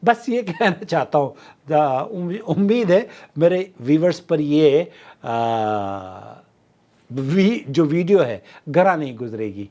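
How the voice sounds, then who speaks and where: A man hosting his channel, explaining things in a casual talk and filling pauses with drawn-out "aa" sounds. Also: on the high side, lively intonation, darkish tone. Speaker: channel host.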